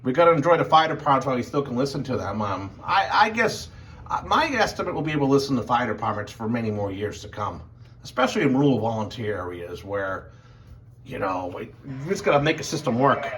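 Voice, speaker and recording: Thinking aloud in a meandering, hesitant way, this radio hobbyist and EMS worker shows off his equipment from inside his home. His mid-range, slightly bright voice moves quickly with large pitch swings. Faint background noise sits under the home recording.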